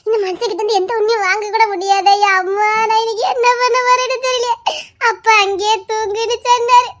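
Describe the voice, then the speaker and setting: A woman's voice: extremely high pitch, steady tone, brisk, fairly bright tone. A woman pleading and laughing in a casual couple chat, whining as she coaxes her husband to talk. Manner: pleading, laughs and whines while coaxing. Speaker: wife in a couple vlog.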